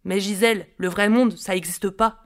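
A woman's voice: mid-range voice, fairly even intonation, moderate pace, lightly acted. A woman voicing a skeptical grown-up who answers a child in a teasing, matter-of-fact way. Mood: flat.

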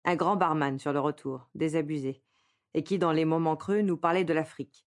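A woman narrating a literary story in a calm, measured manner. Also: low voice.

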